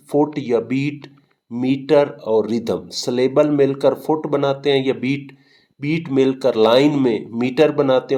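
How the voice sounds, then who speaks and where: Man, teacher, warm mellow voice, patient explaining, repeats and quizzes. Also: mid-range voice. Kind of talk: classroom lecture on poetry.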